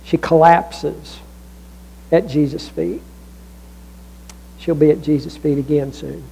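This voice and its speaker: A creaky-voiced man preaches slowly from a church pulpit as pastor, his intonation fairly even overall. He speaks conversationally with restarts and asides, moving between raised emphasis and near-hushed lows, with slight background noise on a rough recording.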